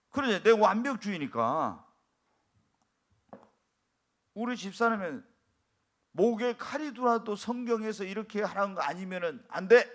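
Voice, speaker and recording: A middle-aged male pastor with a fairly high voice preaches with strong emphasis. He swings between loud declarations and quieter asides, acting out his own prayers and quarrels. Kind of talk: sermon.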